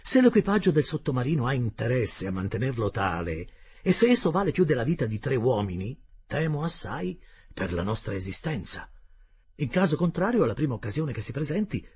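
A man voicing a courteous, precise young male servant who speaks in a measured way. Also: mid-range voice, darkish tone, a little hiss or hum.

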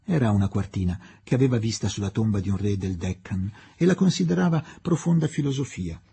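A man reading an audiobook as narrator, telling the story in a measured, expressive way. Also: fairly low pitch, creaky, slightly rough. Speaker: audiobook reader. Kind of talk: scripted narration.

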